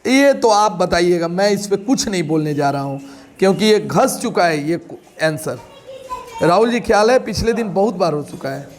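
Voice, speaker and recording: A man's voice: sits high, expressive, normal speed. A man teaching an exam-prep class, explaining points with questions and everyday examples.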